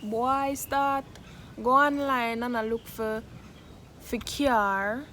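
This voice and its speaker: High-voiced Jamaican woman gossiping. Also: drawn-out words. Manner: animated retelling with acted-out quotes in Patois. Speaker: storytelling vlogger. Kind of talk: casual gossipy story time, like phone gossip. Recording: noisy background.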